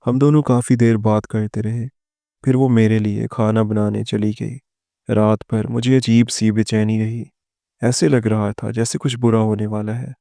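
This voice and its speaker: Low gravelly male storyteller. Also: little pitch movement, warm tone, no echo, studio quality. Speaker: narrator. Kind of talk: first-person story narration.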